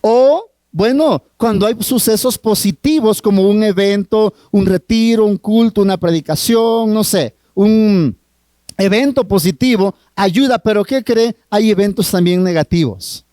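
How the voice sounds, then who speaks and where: A middle-aged man with a Mexican accent, a family therapist preaching at a marriage retreat, earnest and drawn-out, often asking the audience questions. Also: sits high, warm tone, dry recording. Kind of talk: sermon.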